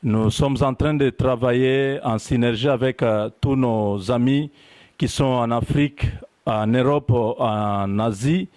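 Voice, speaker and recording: A man from Congo giving an impassioned political address to his compatriots, halting with fillers at first, then building to emphatic, repeated declarations. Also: mid-range voice, darkish tone. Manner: fervent, building to raised emphatic repetition; halting with frequent fillers at the start. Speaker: diaspora political representative.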